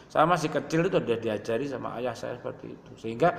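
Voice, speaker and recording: A man in his 50s with a Javanese accent preaches a sermon at a quick pace, his medium-pitched voice showing vocal fry. An Islamic preacher, he mixes Indonesian and Javascript dialect and tells stories acting out his parents' prayers. The echoey hall adds long reverb, plus a little hiss or hum.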